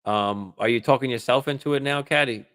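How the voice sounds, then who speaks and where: A man hosting a live fantasy football stream, answering viewer questions in a relaxed, casual way, swearing freely and using lots of fillers and restarts. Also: mid-range voice, fairly quick. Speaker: fantasy football show host.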